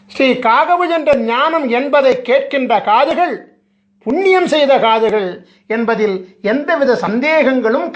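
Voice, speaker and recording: A man who is a spiritual teacher, giving a slow devotional discourse in a solemn, measured way, with rhetorical questions. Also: extremely high pitch. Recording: muffled lo-fi recording.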